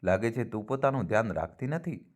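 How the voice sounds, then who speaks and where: A man voicing an affectionate older mother who gently scolds her son in a storybook reading. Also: mid-range voice, expressive, brisk, close to an everyday voice. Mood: fond, teasing. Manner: warm motherly teasing.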